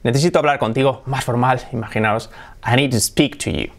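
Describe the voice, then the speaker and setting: A man's voice: medium pitch, brisk, gravelly. A man with a Spanish accent from Spain hosting a casual English lesson, drilling pronunciation by repeating words. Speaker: English teacher and host.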